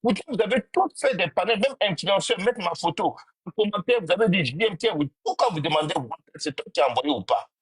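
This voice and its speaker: Husky man ranting on a live stream, accusatory, rhetorical questions, dry close sound. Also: high-pitched, lively intonation, quick pace, dry recording. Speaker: panel participant in a live stream.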